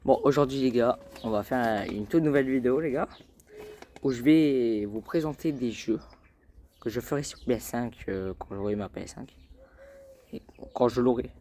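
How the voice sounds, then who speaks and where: Mellow and mid-range, with slight background noise, a gaming channel host speaks at a moderate pace in a casual vlog. He rambles and hesitates, fills his speech with fillers, and keeps calling his viewers "les gars."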